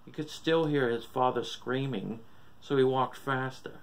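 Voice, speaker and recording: A male narrator reads a horror story from a script. His medium-pitched voice has a marked gravelly creak. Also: measured pace, poor audio.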